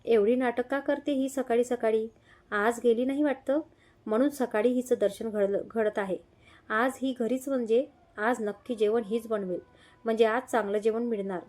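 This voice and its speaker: A woman's voice: on the high side, fairly even intonation, moderate pace, a little mellow, natural voice. A woman voicing a short-tempered young husband who talks in snappish, irritable bursts in a read-aloud story. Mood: grumbling. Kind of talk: audio story reading.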